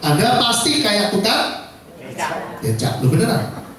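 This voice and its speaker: A man's voice: high-pitched, very animated, measured pace, a crowd in the background. A man, giving a joking, self-mocking motivational talk to a class of insurance agents, often laughing and asking the audience questions. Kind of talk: lively motivational seminar talk. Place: classroom seminar. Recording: echoey room, speaker far from mic, faint noise.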